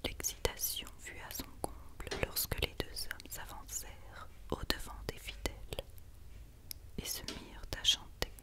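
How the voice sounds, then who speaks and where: A woman reads a Christmas story as ASMR in a breathy, unvoiced whisper, hushed and quiet as if at night. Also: measured pace. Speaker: ASMR reader.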